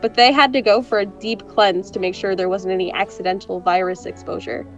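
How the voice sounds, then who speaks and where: Speaking briskly in a natural mid-range voice, a young woman portrays a sarcastic, brash pal who teases in a scripted rom-com audio drama. Her mood is animated and sardonic. Soft background music plays under lo-fi audio.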